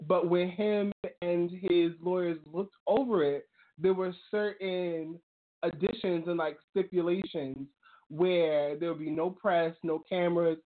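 Male co-host, high voice, loose and filler-heavy, heard over a phone-like line. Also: fairly even intonation, unhurried. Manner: chatty, many fillers like "um" and "like". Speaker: podcast co-host. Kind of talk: casual talk-show commentary. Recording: tinny phone-like call audio.

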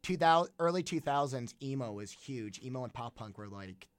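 A man in a band, talking casually and excitably in an interview, often jumping up in pitch and laughing. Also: normal speed, smooth. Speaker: band member.

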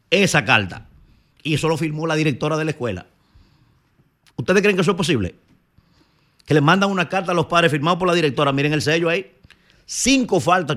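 A man's voice: on the high side, fairly bright tone. A man with a Dominican Spanish accent, delivering indignant, scolding opinion commentary on a morning radio show.

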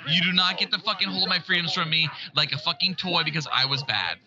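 A man co-hosting a podcast in casual chat, animated and swearing freely, heard through a tinny low-sample-rate microphone. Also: fast. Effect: tinny low-sample-rate mic sound. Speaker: podcast co-host. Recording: tinny lo-fi mic, crowd noise behind.

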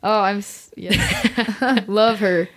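A woman's voice: mid-range voice, steady tone, very slow. A woman chatting informally and giggly as a podcast co-host. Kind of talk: casual chat.

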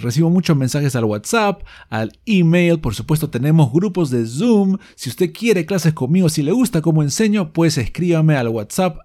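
A man teaching English pronunciation to Spanish speakers, stretching out the example words slowly. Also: on the high side, warm tone. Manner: slow, drawn-out demonstrations. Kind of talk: pronunciation lesson.

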